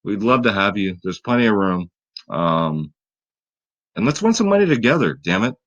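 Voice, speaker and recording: A man's voice: fairly low pitch, big pitch swings, moderate pace, a bit bright, dull audio. A man hosting a fantasy sports picks video, talking casually and straight to his viewers, tired late at night. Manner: chatty, hype-building, talks straight to viewers.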